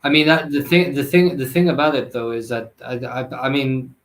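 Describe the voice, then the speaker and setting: A man's voice: medium pitch, level tone, moderate pace, a bit bright, poor audio. Hesitant man in casual football chat. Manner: hesitant, restarts often, many fillers. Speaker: co-host of a football watchalong.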